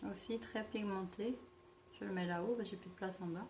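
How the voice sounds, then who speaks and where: A woman's voice: mid-range voice, fairly even intonation, fairly quick, darkish tone, a little hiss or hum. A French-speaking woman reviewing organic makeup in a casual vlog, often stumbling over product names and correcting herself. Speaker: beauty vlogger.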